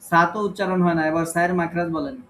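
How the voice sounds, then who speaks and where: A man's voice: on the high side, fairly even intonation, fast talker, a bit bright. A man teaching Quran recitation in an online class, with a Bangladeshi Bengali accent, calling on students one by one and patiently correcting their reading.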